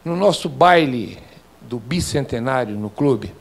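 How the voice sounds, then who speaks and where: A man's voice: mid-range voice, expressive, gravelly. An older man with a Brazilian accent gives a formal, emphatic address to club members, speaking into a handheld microphone in an indoor lecture hall. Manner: slow, emphatic, civic exhortation with rising intensity.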